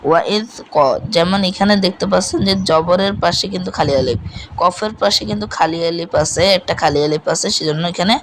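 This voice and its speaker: A man teaching Quran recitation, spelling out letters and vowel marks, then reciting each word slowly and repeating it. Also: sits high, slight background noise, rough recording. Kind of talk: step-by-step recitation lesson.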